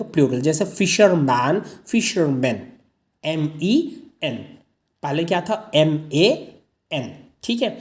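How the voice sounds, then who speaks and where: A man's voice: fairly high pitch, a little mellow. A man teaching English grammar in Hindi mixed with English. He repeats each example word twice, asks rhetorical questions and answers them himself, and keeps calling his listeners friends.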